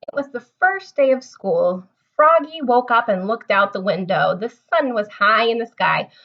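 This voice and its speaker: At a measured pace and in a fairly high, animated voice, a woman reads a storybook to young children as their teacher, heard through lo-fi sound. She expressively explains the story and asks the kids questions.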